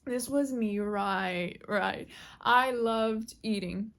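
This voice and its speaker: A chatty woman narrates a casual storytime as she draws. Her voice sits a little on the higher side, and her talk is full of fillers and offhand swearing. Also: very slow, gravelly. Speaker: vlogger.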